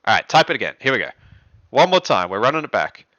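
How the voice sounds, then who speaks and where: A young man hosting a riddle contest on a live stream, chatty and excitable, laughing often. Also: medium pitch, quick pace, dry recording, muffled recording. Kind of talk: casual live-stream chat.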